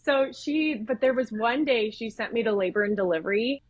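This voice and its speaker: Podcast guest, woman from Idaho, nurse educator; animated storyteller who plays out dialogue, fairly high voice. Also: moderate pace, dull audio. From Idaho, USA. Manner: animated, acts out quoted dialogue with shifts in voice. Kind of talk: casual storytelling in conversation.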